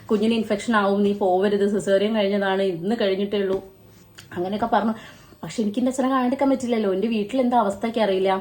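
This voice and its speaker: A young woman, telling a personal family story in an earnest, halting way with restarts. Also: mid-range voice, darkish tone. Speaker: family vlogger.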